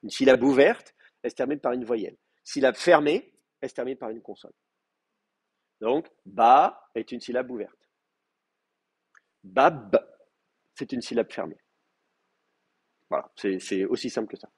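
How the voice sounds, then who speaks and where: A man's voice: medium pitch, a little fast, a little mellow, slightly rough. A man lecturing a Hebrew class, explaining patiently with many fillers and restarts. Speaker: Hebrew teacher. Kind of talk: university lecture.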